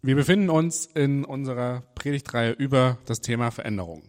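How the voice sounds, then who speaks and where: A man opening a sermon in a conversational way, pausing and restarting as he searches for words. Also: mid-range voice. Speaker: preacher.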